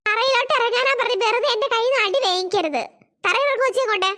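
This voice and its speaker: A woman voicing a furious mother who scolds her daughter and shouts threats in a cartoon. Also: very high-pitched, rapid-fire. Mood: angry.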